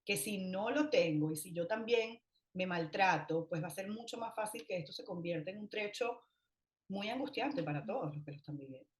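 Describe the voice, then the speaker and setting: A woman talking calmly in a podcast conversation, explaining parenting ideas and acting out what parents say. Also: mid-range voice, brisk. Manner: calm, explanatory, acts out parent voices. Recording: roomy echo.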